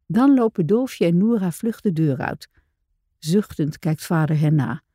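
Woman storyteller for a children's picture book: unhurried, animated, dry studio sound. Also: fairly low pitch, husky, dry recording.

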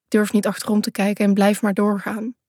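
A woman's voice: mid-range voice, completely flat delivery, fairly quick, darkish tone, dry recording, studio quality. A woman reading a first-person thriller aloud in a tense, urgent way. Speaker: audiobook narrator.

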